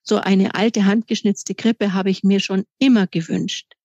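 A woman voicing an eager, warm-hearted mother in a storybook. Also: mid-range voice, steady tone, a little slow, dry recording. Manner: delighted, eager. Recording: dry, slightly dull recording.

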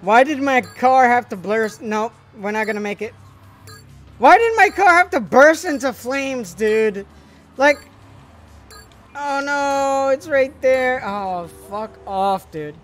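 A man giving let's play commentary, excitable and panicky, swearing a lot as he plays. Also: very high voice, slow, faint music behind. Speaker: gaming video host.

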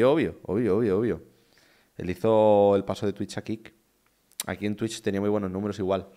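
Young Spanish streamer, low voice, chatty and hyped, repeats himself a lot. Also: male voice, a little mellow. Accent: Spain Spanish. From Spain. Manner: enthusiastic, repetitive, chatty. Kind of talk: casual live-stream commentary. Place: his own room.

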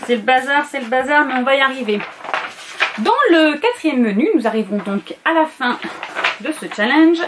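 A woman's voice: sits high, normal speed, noisy background. A woman book vlogger in a casual chat to camera, going through her reading list and often hesitating and correcting herself.

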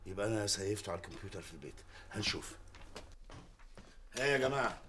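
A man's voice: on the low side, lively intonation, very fast, heavy background noise, lightly acted. An actor playing a busy middle-aged Egyptian company boss and family man in a TV drama. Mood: brisk. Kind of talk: naturalistic TV drama acting. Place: office, indoors.

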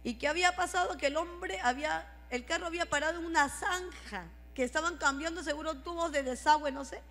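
A woman giving a fervent religious testimony, often breaking into shouts of praise. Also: sits high, fairly quick, in a large hall. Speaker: church member giving testimony.

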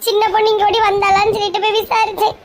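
A woman's voice: very high voice, flat delivery, racing, slight background noise. A woman with a Kanyakumari Tamil accent playing an anxious, tearful young woman in a comedy skit. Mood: upset. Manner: tearful, fretting.

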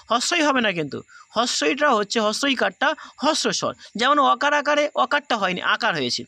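A man's voice: very high-pitched, bright, forceful tone, dry recording. A man teaching a grammar class, explaining the rules patiently and going over each step again. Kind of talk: recorded class lesson.

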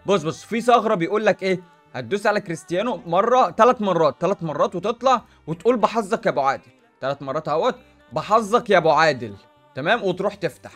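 A young man with an Egyptian Arabic accent giving animated, slang-filled gameplay commentary as a gaming YouTuber. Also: high-pitched, soft background music. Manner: animated, rapid, hype-filled street slang.

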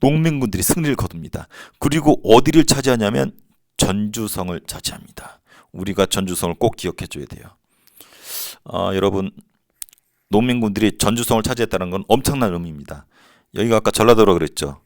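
A man's voice: on the low side, brisk, no echo, clean studio sound. A man teaching a history lesson to students in a casual, slangy and playful way. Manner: slangy, playful, acts out quotes.

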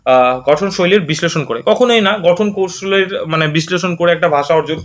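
A male tutor walks through exam questions step by step, often pausing to ask if it's clear. His voice sits high and his words come quickly. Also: lively intonation. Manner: explains step by step with frequent checks like "okay?". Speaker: teacher. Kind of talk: exam prep lesson.

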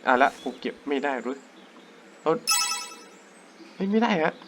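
A young man giving casual, excitable commentary while playing a hunting game, breaking into sudden jumpy exclamations. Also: fairly high pitch, unhurried, background noise. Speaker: gaming YouTuber. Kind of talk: casual let's-play commentary.

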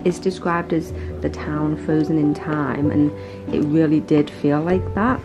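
Woman in her thirties, low voice, chatty travel vlog narration, camera at arm's length, guitar music behind. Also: fairly even intonation, a little slow. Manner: chatty, reflective. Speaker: travel vlogger. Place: outdoors among ruins. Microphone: handheld camera at arm's length.

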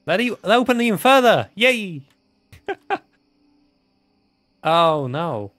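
A man doing let's play commentary on a horror game, animated and playful, swearing a lot. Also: high-pitched, slow. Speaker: gaming channel host.

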